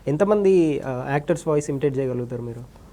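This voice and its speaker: A man's voice: medium pitch, animated, quick pace, warm tone. A man interviewing a guest, asking long, polite questions and murmuring agreement. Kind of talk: casual interview.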